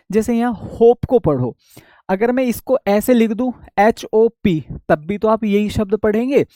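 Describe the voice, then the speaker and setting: A man's voice: high-pitched, dark tone, no room sound, studio quality. Man teaching spelling rules in English. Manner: asks and answers his own questions, repeating key points. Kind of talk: online class lecture.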